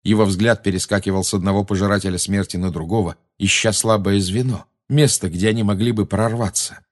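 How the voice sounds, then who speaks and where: A man reading a fantasy novel aloud in steady, measured dramatic audiobook narration. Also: on the low side.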